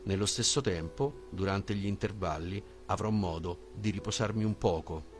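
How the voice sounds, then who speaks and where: A man's voice: deep voice, normal speed, faint music behind, close to an everyday voice. A man voicing a courteous, earnest male philosopher in an audiobook. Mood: obliging.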